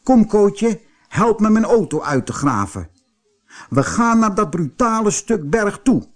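A man's voice: high voice, expressive, takes it slowly, voice pushed up, heavily acted. A man voicing a headstrong, brash old aunt in a storybook, bossing her nephew around. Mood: feisty. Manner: brash, bossy, cackling.

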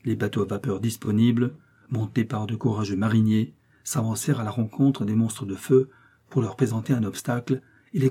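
A man narrating a classic novel as an audiobook, reading in a measured, steady storytelling manner. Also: mid-range voice, breathy edge.

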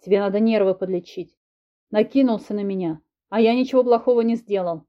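A woman's voice: medium pitch, a little fast, close to an everyday voice. A woman reading the lines of a sulky, jealous young man in a grumbling tone, in a dull lo-fi audiobook recording.

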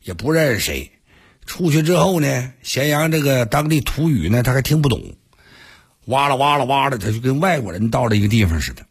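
A man performing a traditional story for radio, lively and dramatic, with asides to listeners. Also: mid-range voice, a little fast, husky. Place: radio studio.

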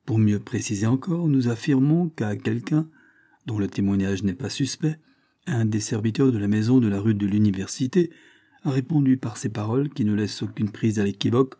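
A man narrating a novel aloud in a measured, formal reading style. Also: lowish voice, dark tone. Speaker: audiobook narrator. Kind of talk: scripted narration.

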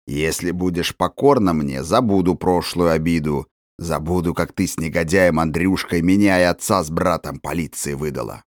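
A man voicing a coarse, menacing male forest tramp in an audiobook, with a rough, hoarse voice and slow, gloating, threatening delivery. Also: sits low, no echo, studio quality, close to an everyday voice. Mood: commanding.

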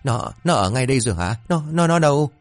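A man's voice: medium pitch, big pitch swings, quick pace, dry recording, soft background music, voice pushed up, lightly acted. A man voicing a panicky young male village fool who yelps frantically. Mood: terrified. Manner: frantic, yelping.

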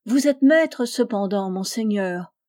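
A woman voicing a sly old wolf who sobs and flatters in a loud, declamatory way. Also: medium pitch, takes it slowly. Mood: fawning. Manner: fawning, tearful, declamatory.

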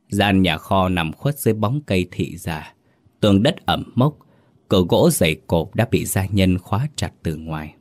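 A man narrating a dramatic story in a steady, storytelling manner. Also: sits low, no room sound.

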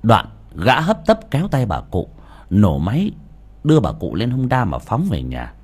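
A man narrating an audiobook story in an expressive, dramatic reading. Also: lowish voice, normal speed, husky.

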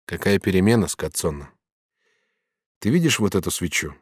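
A man voicing a proud, sly and hot-tempered master artist in an audiobook, speaking firmly and with measured command. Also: low voice, sing-song, slightly rough, no echo, studio quality, heavily acted. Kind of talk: audiobook character reading.

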